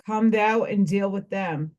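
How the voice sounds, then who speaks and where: A woman's voice: medium pitch, measured pace, darkish tone, lo-fi sound, natural voice. A woman reading the part of a solemn male death spirit in a stern, ceremonial recitation.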